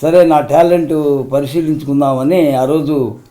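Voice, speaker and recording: A man being interviewed about his start as a mimicry artist, answering politely and earnestly. His voice sits a little high for a man, and he tells his story in a steady recounting manner. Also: measured pace.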